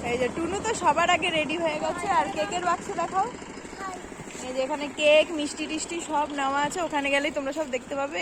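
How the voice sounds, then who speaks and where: A woman's voice: high-pitched, background noise. A young woman chatting casually to her viewers in a vlog. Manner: chatty, addresses viewers directly. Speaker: vlogger.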